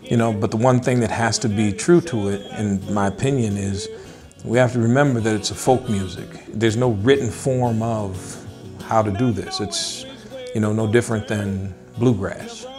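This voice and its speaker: Thoughtful middle-aged man, lowish voice. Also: steady tone. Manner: thoughtful, unhurried, many filler pauses. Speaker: blues musician interviewee. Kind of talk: relaxed interview talk. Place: indoors, wood-paneled room, seated at a table. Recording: interview with guitar music mixed underneath.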